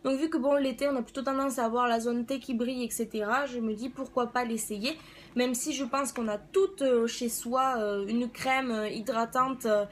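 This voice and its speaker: High-pitched woman. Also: a little hiss or hum. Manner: hesitant, conversational, thinking aloud. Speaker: beauty vlogger reviewing products. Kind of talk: casual spoken product review.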